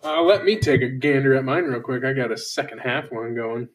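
A man's voice: medium pitch, brisk. A man co-hosting a casual sports podcast, joking crudely, laughing often and throwing trash talk. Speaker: podcast co-host. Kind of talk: casual profane sports chat. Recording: distant mic, faint background noise.

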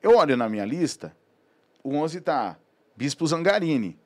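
Male guest, expressive storyteller, wide-ranging pitch. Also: moderate pace, no echo. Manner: animated, acts out quoted dialogue. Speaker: podcast guest. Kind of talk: casual storytelling chat.

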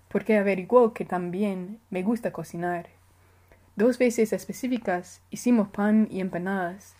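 A woman who writes reads her personal essay aloud with a mellow voice of medium pitch. Measured and careful, she now and then makes small self-corrections.

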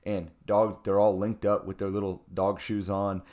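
Deep-voiced man telling a story. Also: normal speed. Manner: animated storyteller, many fillers and restarts. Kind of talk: casual chat.

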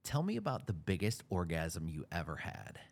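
Very deep-voiced man asking teasing questions. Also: huge pitch swings, moderate pace, creaky, darkish tone. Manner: teasing, mimics others in playful quotes. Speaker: interviewer. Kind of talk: frank casual interview.

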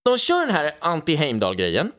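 Sarcastic ranting man, lively pitch. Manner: ranting, sarcastic, mocking impressions. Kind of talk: casual political chat.

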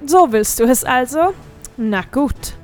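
A woman's voice: high-pitched, lively intonation, takes it slowly, soft background music. A woman voicing a mocking, vengeful male goat demon in an audiobook, with a taunting, gloating manner. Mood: threatening.

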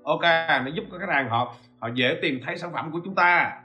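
A man's voice: on the high side, a little fast, pushed and bright, soft background music. A man hosts a podcast lesson, explaining step by step and often stopping to ask listeners if they follow. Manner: asks rhetorical questions and checks in with listeners. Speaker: podcast host teaching e-commerce. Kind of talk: informal spoken lecture.

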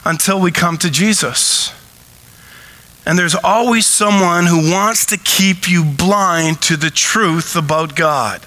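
A man preaching a sermon from the pulpit, animated and acting out shouted cries as he retells a story. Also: high-pitched, rough recording. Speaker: pastor.

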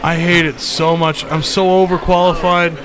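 A man's voice: a little high, level tone, normal speed, a crowd in the background, poor audio. A man in a casual podcast chat, talking in a weary, fed-up way and swearing heavily. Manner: heavy swearing.

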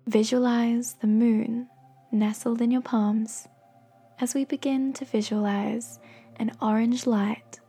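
Soft breathy woman guiding a meditation. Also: on the high side. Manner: gentle, slow, encouraging. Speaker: guided meditation host. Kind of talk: guided meditation, soothing scripted narration.

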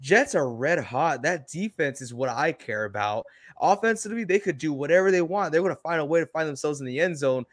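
A mid-pitched man talks sports casually as a panelist, recorded dry with no room sound. He is blunt and emphatic about his opinions. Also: lively intonation, fairly quick, few pauses, no room sound. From New York.

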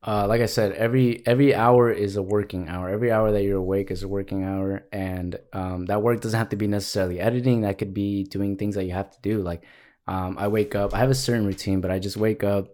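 A young man in casual conversation, telling stories animatedly, acting out quotes loudly and swearing freely. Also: lowish voice, steady tone, quick pace. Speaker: guest, video editor. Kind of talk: casual podcast chat.

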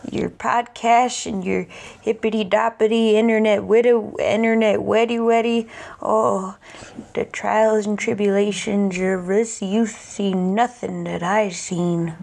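Brief: slow, grumbling old crone, played by a woman, strained voice. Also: mid-range voice, steady tone, gravelly, a little mellow. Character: cranky old lady grumbling at youth.

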